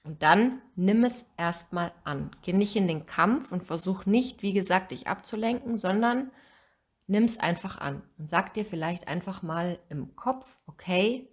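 A woman's voice: mid-range voice, expressive, a little slow, husky. A woman giving a motivational self-help talk, speaking directly to the listener in an encouraging way. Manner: encouraging, talks straight to the listener.

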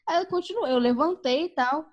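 A woman telling a personal story in a casual chat, animated and laughing, acting out the voices of the people in it. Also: high-pitched, fairly quick, highs cut off.

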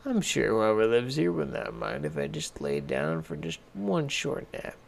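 A man's voice: on the low side, big pitch swings, moderate pace, gravelly, voice pushed down, full character voice. A man voicing a curious little girl who talks to herself in a storybook reading.

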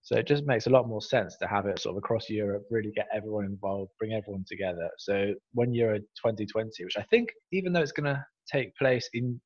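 Blunt man, low voice. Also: expressive, fast, hardly any pauses, slightly rough. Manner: blunt, opinionated verdicts. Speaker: podcast co-host. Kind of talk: casual football chat. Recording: dull lo-fi sound.

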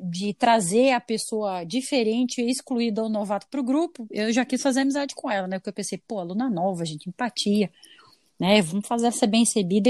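In a dry, studio-quality recording, a podcast host speaks with a mid-range, slightly mellow voice. She's a Brazilian woman in her thirties with a mixed Brazilian Portuguese accent, keeping the chat casual, chatty, and laughing, with playful asides.

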